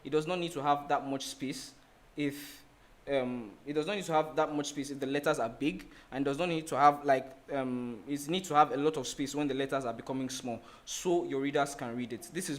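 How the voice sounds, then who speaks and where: A man teaching graphic design in a screen-share tutorial, explaining slowly with many restarts and "like" fillers. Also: mid-range voice, fairly even intonation. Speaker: design instructor.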